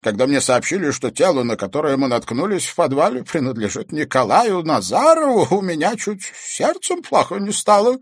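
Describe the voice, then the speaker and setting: A man voicing an irritable, cunning old man who blusters loudly when pressed in an audiobook. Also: fairly high pitch, sing-song, moderate pace, hardly any pauses, breathy edge, no echo, studio quality, pitched above the performer's own voice, full character voice. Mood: defensive. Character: grumpy, cunning old man, easily angered.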